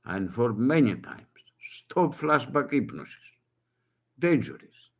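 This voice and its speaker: Very animated yet slow, with vocal fry in his medium-pitched voice, an older man pleads urgently to the public in a video he made himself. He is a native Greek speaker with a Greek accent, and his broken English leans on short phrases he repeats.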